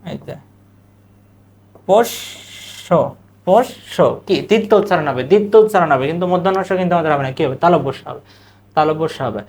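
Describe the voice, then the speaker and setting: A male teacher with a Bangladeshi Bengali accent drills students on pronunciation. He asks a question, repeats the answer, and draws out model words slowly, syllable by syllable. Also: fairly high pitch, expressive, a little mellow. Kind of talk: recorded exam-prep lesson.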